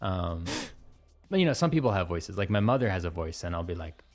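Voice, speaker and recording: A man's voice: sits low, sing-song, brisk, darkish tone, soft background music. A man co-hosting a podcast in casual chat, laid-back and rambling, with lots of "like"s. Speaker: podcast co-host.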